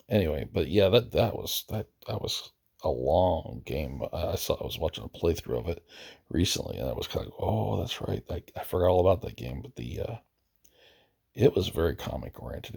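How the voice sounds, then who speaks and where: A man's voice: deep voice, gravelly, warm tone, slightly rough. A man giving casual, rambling commentary while browsing a video game roster, hesitant and often correcting himself, losing his voice. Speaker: gaming video host.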